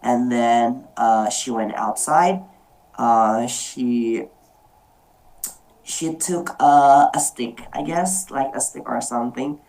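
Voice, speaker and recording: A woman with a very low, slightly mellow voice slowly moderates an online group discussion of personal storytelling over a video call. She's hesitant, with many fillers and restarts, and the recording is rough.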